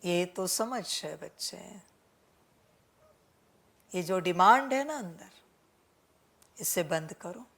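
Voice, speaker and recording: A woman spiritual teacher giving a sermon that addresses her listeners as children. She gently admonishes and repeats her points, with English words mixed into her talk. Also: lowish voice, expressive, drawn-out words, gravelly, long pauses. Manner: mixes English words into Hindi.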